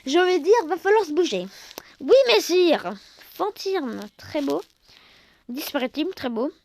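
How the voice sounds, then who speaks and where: A woman hosting a card-collecting channel, reviewing a new set in casual commentary, exclamatory, playful and self-mocking, sometimes loud and then dropping to soft asides. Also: high-pitched, very animated, normal speed, no room sound.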